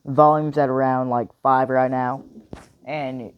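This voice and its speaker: A man's voice: mid-range voice, level tone, slow, smooth, lo-fi sound. Casual man explaining a guitar tone. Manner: loose, rambling, hedging with "like" and "kinda". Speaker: guitar tutorial host. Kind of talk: casual demonstration. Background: electric guitar playing.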